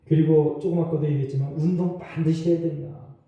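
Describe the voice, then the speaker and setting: A man's voice: fairly high pitch, fairly even intonation, fairly quick, warm tone, dull audio. A man preaching a sermon as pastor, talking in a loose conversational way with asides and small laughs. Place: church sanctuary. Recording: roomy echo, mic far off.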